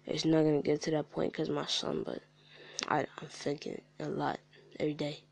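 A man's voice: on the high side, completely flat delivery, normal speed, creaky. Heated, profane young man venting. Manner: heated and profane, repeats himself. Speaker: guest. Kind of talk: candid casual chat.

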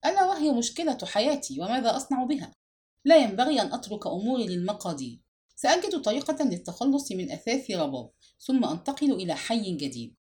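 A woman narrates a literary novel aloud in a formal, expressive reading. Her voice sits at a middle pitch but moves through a wide, animated melody.

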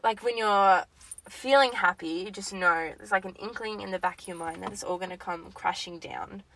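Bright-voiced woman chatting casually. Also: mid-range voice, normal speed, no room sound, low-quality recording. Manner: informal, sweary, slangy. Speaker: podcast co-host. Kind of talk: casual advice chat.

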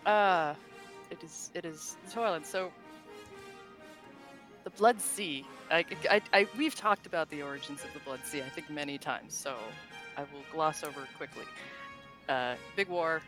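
Bright-voiced, chatty podcast co-host. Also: medium pitch, normal speed, soft background music. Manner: rambling, laughs often, swears offhandedly. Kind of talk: casual lore chat.

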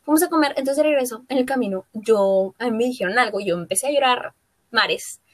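Rambling Mexican woman, higher voice. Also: a little fast, no echo. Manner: rambling, full of fillers and self-corrections. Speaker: podcast co-host. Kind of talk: casual podcast chat.

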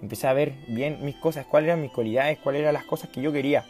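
A man's voice: a little high, fast talker, darkish tone, soft background music. A late-teen man with a Chilean accent telling a rambling, self-mocking story in a casual vlog, slangy and acting out the dialogue. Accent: Chilean Spanish. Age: late teens. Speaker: vlogger.

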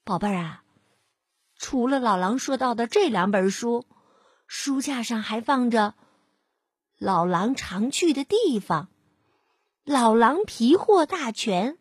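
A woman reads a picture book aloud to a child in a high, very lively voice. She draws her words out slowly and leans into each phrase with playful emphasis. Her tone is soft and breathy, and the recording is close and dry. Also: dry recording. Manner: gentle, drawn-out storytelling with lively emphasis. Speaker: storyteller.

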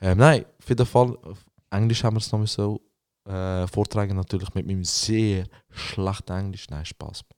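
A man's voice: sits low, steady tone, moderate pace, hardly any pauses, darkish tone, no room sound, studio quality. A young man from Switzerland, co-hosting a casual podcast, bantering in laid-back, slangy speech. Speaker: podcast co-host. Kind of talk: casual chat.

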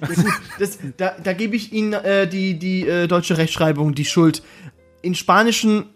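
A man's voice: high-pitched, normal speed, faint music behind. A man co-hosting a casual podcast, joking around, laughing often and spelling words out letter by letter. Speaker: podcast co-host. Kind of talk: casual chat.

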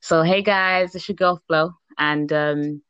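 A woman's voice: low-pitched, steady tone, takes it slowly, a bit bright, clear, resonant tone, no echo, muffled recording. A woman hosting a casual podcast interview, chatty and upbeat with slangy phrasing. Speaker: podcast host.

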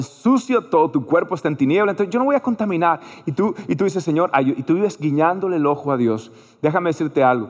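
A man's voice: mid-range voice, in a large hall. A man preaching a sermon as pastor, telling stories animatedly and acting out his own dialogue with God.

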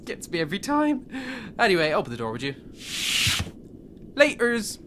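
A woman's voice: on the low side, sing-song, moderate pace, a bit bright, a little hiss or hum. A woman playing a bumbling, cheeky male mission commander who teases the crew and bursts into theatrical outbursts. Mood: teasing. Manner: jokey, teasing, theatrical outbursts.

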